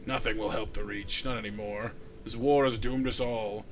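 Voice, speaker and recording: Guy voicing a tired defeated old ruler in a game, low, grave, slow. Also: fairly even intonation, a little hiss or hum, close to an everyday voice. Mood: grave weary. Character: aging ruler uncle, weary and defeated. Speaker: game character.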